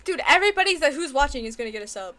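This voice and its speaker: A woman livestreamer chatting casually to her viewers in a playful, giggly, excitable gamer-girl manner. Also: high voice, rapid-fire. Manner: excitable, exclamatory.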